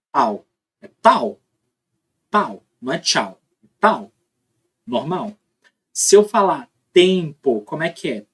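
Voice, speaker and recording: A man's voice: fairly high pitch, slightly rough. A man with a Brazilian Portuguese accent teaching a recorded phonology lesson, explaining step by step, sounding out examples aloud and checking in with tag questions. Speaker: linguistics teacher.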